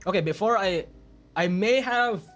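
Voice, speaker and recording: A man's voice: high voice, normal speed, a bit bright, soft background music. A man with a Filipino accent chatting casually on a live stream, rambling and self-deprecating as he answers his chat. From Philippines.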